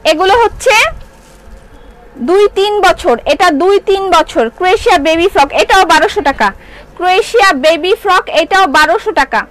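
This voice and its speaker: A middle-aged woman with a Bangladeshi Bengali accent runs an online clothing shop and sells on a live stream, chatting and replying to viewer comments. Her voice is extremely high-pitched, a little fast and somewhat bright, and the recording quality is low.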